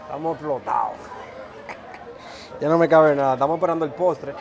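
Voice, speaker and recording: A man's voice: on the high side, a little fast, gravelly, background noise. A man, a food vlogger chatting enthusiastically at a restaurant table, repeating his phrases. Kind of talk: casual restaurant vlog. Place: busy restaurant. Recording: crowd chatter behind.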